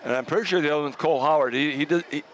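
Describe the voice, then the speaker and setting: A man with a slightly raised voice gives easygoing color commentary on a local football game, with faint outdoor noise around him. He talks in a chatty, enthusiastic way and is quick to chuckle. His remarks keep a loose, conversational feel. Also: a little high.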